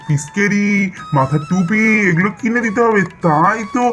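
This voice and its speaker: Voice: mid-range voice, lively intonation, normal speed, fairly bright tone, faint music behind, natural voice. A performer voicing a doting uncle who cheerfully coaxes his niece in a cartoon. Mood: coaxing. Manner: cheerful, coaxing.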